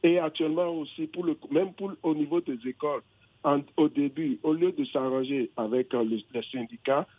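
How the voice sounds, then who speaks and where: A man's voice: a little high, steady tone, normal speed, no echo. Man phoning in to radio, from England, hesitant and searching for words, tinny phone-line sound, dry. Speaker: caller. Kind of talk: phone-in conversation. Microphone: telephone.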